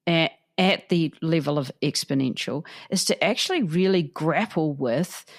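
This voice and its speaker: A podcast co-host with a New Zealand accent, asking reflective questions and musing aloud with fillers and restarts. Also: medium pitch. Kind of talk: casual conversational questions.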